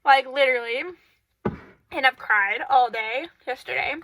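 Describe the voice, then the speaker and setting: Recorded on a camera in her bedroom, this channel host rambles through casual advice, full of fillers. Her high-pitched voice is sharp, a little slow, and fairly even in intonation, and it sounds stuffy and congested from a cold.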